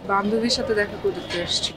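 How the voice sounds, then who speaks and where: A woman's voice: medium pitch, steady tone, fairly quick, noisy background, lightly acted. A woman playing a teasing young girlfriend. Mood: suspicious. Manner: gentle, curious, teasing.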